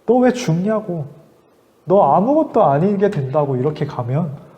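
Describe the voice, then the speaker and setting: A man voicing a pushy, scornful male Satan who keeps goading with rapid challenges. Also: a little high, sing-song, warm tone, in a large hall, muffled recording.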